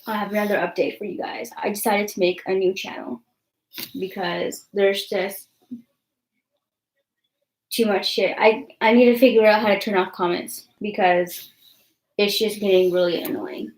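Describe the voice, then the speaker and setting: A woman's voice: mid-range voice, fairly even intonation, moderate pace, pauses often, reverberant, low-quality recording. A young woman vlogger in casual live-stream chat, blunt and defiant, swearing freely and rambling with many likes and ums.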